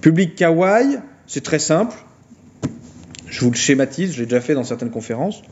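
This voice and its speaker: A man giving an informal philosophy lecture, retelling a film plot with mocking, animated storytelling. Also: fairly high pitch, normal speed, muffled recording, a little hiss or hum.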